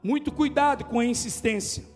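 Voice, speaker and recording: A male pastor from Goiânia with a Brazilian accent, preaching an animated, jokey sermon in a church and often shouting. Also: very high voice, fairly quick, in a large hall, soft background music. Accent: Brazilian Portuguese, from Goiânia. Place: church hall.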